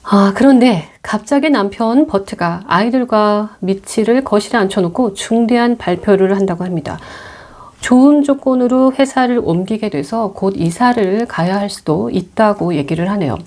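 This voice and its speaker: Middle-aged female storyteller recapping a film, casual and chatty, mellow low-key timbre. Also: moderate pace. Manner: chatty, many fillers, acts out quotes. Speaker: movie mentor retelling films. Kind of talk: audio film retelling.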